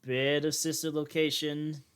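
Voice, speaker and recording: A man's voice: a little high, flat delivery, a little slow, a crowd in the background. A young man co-hosting a casual podcast chat with friends, rambling with lots of fillers and restarts. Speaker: podcast co-host.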